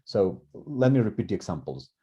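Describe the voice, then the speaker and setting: A man's voice: on the low side, very animated, normal speed, warm tone. A man teaching grammar, thinking aloud with many repeated words and restarts. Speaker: language teacher. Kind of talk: explaining grammar in class. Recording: muffled lo-fi recording.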